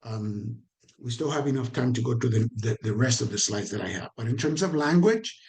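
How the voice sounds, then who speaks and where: A man with a Caribbean Spanish accent runs an online training in a mid-range, slightly mellow voice, animated and brisk. He keeps it conversational, quizzing his audience and repeating points for emphasis.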